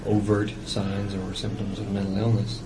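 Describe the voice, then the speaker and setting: A man speaking as a psychiatrist in a recorded evaluation interview, explaining things deliberately and at length, with hesitant pauses. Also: on the low side, completely flat delivery. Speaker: psychiatrist doing a competency examination. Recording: noisy old interrogation-style tape.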